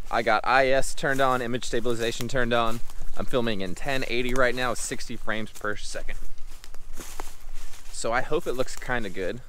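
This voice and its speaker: Male vlogger, 20s, medium pitch, informal review delivery, recorded outside with light ambient noise. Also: fairly bright tone. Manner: informal, slangy. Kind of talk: casual product review to camera. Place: outdoors, backyard and woods. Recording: faint outdoor background noise.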